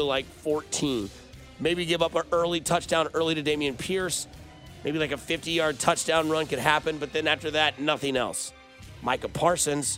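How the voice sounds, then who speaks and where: A male sports radio host talking fantasy football picks in an animated, opinionated way, chatting directly with listeners. He speaks from a studio microphone with his voice pitched a bit high, and faint music sits underneath. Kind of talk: fantasy football advice show.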